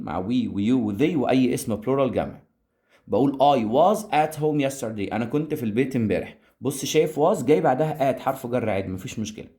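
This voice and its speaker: A man with an Egyptian Arabic accent teaching an English grammar lesson, asking questions and answering them himself in a lively way. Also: medium pitch. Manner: lively, asks and answers his own questions.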